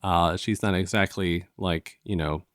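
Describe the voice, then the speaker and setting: A man with a fairly low, fairly bright voice hosts a casual review show, retelling a story conversationally, stopping, restarting and slipping into bits of dialogue. He speaks unhurriedly with fairly even intonation, and the recording is dry with little room sound.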